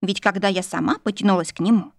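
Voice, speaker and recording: A woman reading a first-person romance audiobook aloud, with an expressive, intimate storytelling manner, close to the microphone. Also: medium pitch, quick pace, vocal fry, no room sound. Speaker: audiobook narrator.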